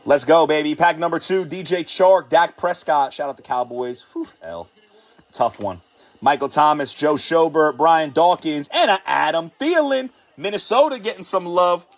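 Fairly high and animated, the voice belongs to a man from the United States hosting a live sports card break. He chats with hype, rattles off each card the moment he pulls it, repeats his catchphrases, and keeps the audience fired up.

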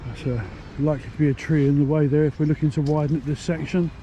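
A man's voice: on the high side, steady tone, fast. Matter-of-fact man narrating outdoors. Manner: matter-of-fact, hesitant with fillers. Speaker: cycle route assessor. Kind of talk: casual narration while cycling. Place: outdoors on roads and paths. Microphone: action camera. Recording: outdoor noise behind voice.

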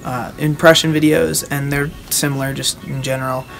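A young man giving a casual, halting show-and-tell as a video host, recorded outdoors at a short distance from the camera. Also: medium pitch, little pitch movement, gravelly, fairly bright tone, faint music behind. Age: teenager or young adult. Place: outdoors on a wooden backyard deck.

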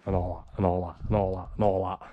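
Low-voiced and quick, this man in his thirties keeps his tone level as he casually narrates his own work, tearing apart a half-demolished wooden barn. He's a homesteader vlogger holding an action camera, talking wryly and chattily to himself. The audio is narrow and tinny, with no room sound.

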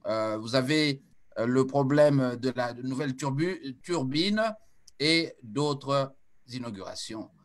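A man hosting a radio talk show, interviewing a guest over a video call in a measured, hesitant way. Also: medium pitch. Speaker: radio host.

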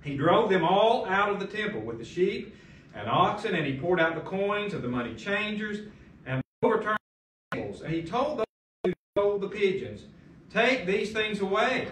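A man's voice: sits high, sing-song, moderate pace, a bit bright, roomy sound, a little hiss or hum. A middle-aged man pastor preaching a sermon at a lectern, asking emphatic rhetorical questions, recorded by a far camera in a large carpeted church room.

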